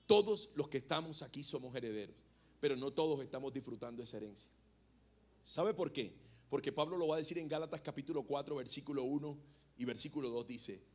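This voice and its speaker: A man with a fairly high-pitched voice delivers a sermon in a church. He speaks conversationally, joking with the congregation and asking them questions. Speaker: pastor. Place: church hall.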